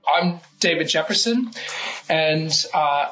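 A man's voice: fairly high pitch, animated, takes it slowly, fairly bright tone, faint music behind, rough recording. A man giving careful, methodical explanations as a guest in a podcast interview, with frequent "uh" fillers. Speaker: guest legal researcher.

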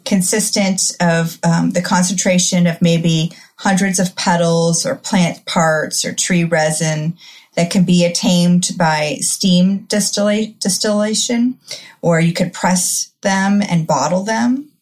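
A woman with a Midwestern accent talks in a gentle, earnest way. Her voice sits a little low, and she lays out each idea with calm, steady explanation in a casual chat. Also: slow. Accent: Midwestern American.

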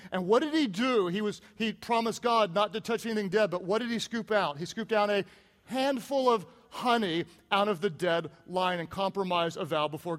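Man, pastor, sermon, humorous emphatic storytelling, high pitch, long hall reverb. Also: fairly bright tone.

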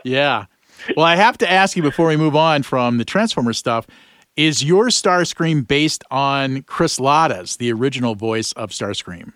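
A man's voice: medium pitch, lively intonation, moderate pace, a bit bright, smooth, no echo, clean studio sound. Chatty enthusiastic male host. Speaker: podcast host, voice actor. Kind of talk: casual interview talk.

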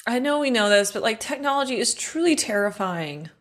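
A woman's voice: fairly high pitch, animated, fairly quick. A woman co-hosting a podcast in casual, comedic chat, earnest and playful, often asking questions. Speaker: podcast co-host.

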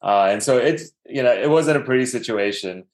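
A man's voice: mid-range voice, normal speed. A man in his thirties from Dubai, a podcast guest telling his life story casually, with many fillers and restarts.

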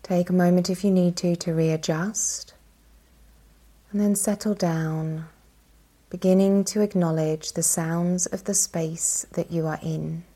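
A female yoga nidra instructor leads a guided meditation in a lowish, breathy, soft voice. She sounds calm and soothing, pausing at length.

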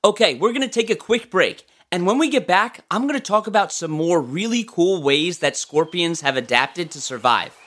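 This is a nature documentary style narration from an educational presenter with a very animated, mid-range voice. The delivery is explanatory and informal, speaking straight to the listener, with plenty of movement in the intonation. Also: medium pitch, normal speed, few pauses.

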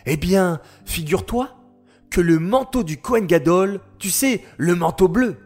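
Man doing patient explainer boy for a children's storybook, slow, unhurried delivery. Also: high-pitched, lively intonation, a little mellow, faint music behind, exaggerated voice. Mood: patient, warm.

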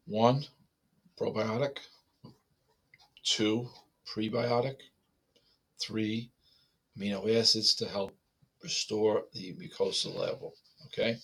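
Husky-voiced man explaining gut health. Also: on the low side, bright, forceful tone. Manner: explanatory, with restarts and repeated okays. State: has the hiccups. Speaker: health talk presenter. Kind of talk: explaining health advice to listeners.

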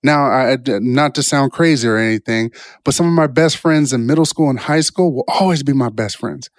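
An adult man past college age, with an average-pitched voice, gives an informal self-help talk built on personal stories. He's reflective and brisk, rambling, restarting thoughts, and tagging points with "right?" The recording is dry, with no room sound.

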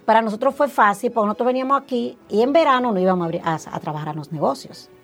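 Animated Dominican woman telling her story. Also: fairly high pitch, very fast, faint music behind. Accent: Dominican Spanish. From Dominican Republic. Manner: animated, acts out past conversations, frequent fillers. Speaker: interview guest, insurance agency owner. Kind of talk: casual interview storytelling.

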